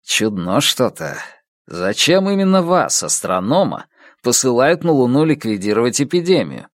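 A prying middle-aged astronomer from Russia who fires off skeptical questions and won't let a matter drop, as a male narrator reads him. His voice swings lively up and down. It sounds close and dry, with no room around it. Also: medium pitch, moderate pace, dry recording, close to an everyday voice.

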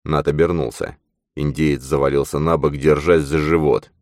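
A male audiobook narrator with an extremely deep, low voice telling the story in a steady, measured way. The sound is dry and close, with no room echo. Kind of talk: scripted narration.

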